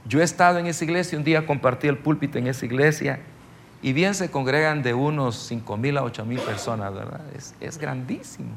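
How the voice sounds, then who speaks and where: A man's voice: mid-range voice, a little fast, creaky, slight background noise. A middle-aged man, teaching a ministry seminar in a folksy, conversational sermon style, telling stories and checking that listeners follow.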